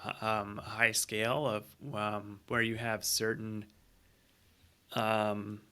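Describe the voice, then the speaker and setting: A man's voice: lowish voice, level tone, takes it slowly, bright, forceful tone, clean tone. A man speaking as a researcher guest on a podcast, thinking aloud in a hesitant way with many ums. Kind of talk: casual interview conversation.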